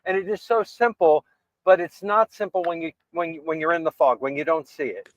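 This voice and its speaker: A man's voice: a little high, a little fast, no echo. A man hosting a casual chat, earnestly agreeing with his guest and building on the points. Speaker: host. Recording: dry, dull lo-fi sound.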